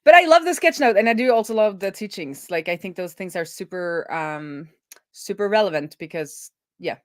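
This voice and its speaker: A woman with a mid-range voice and lively intonation chats informally on a livestream at a normal pace, thinking aloud while she works through code. She's a co-host and web developer, and the recording is dry and studio quality.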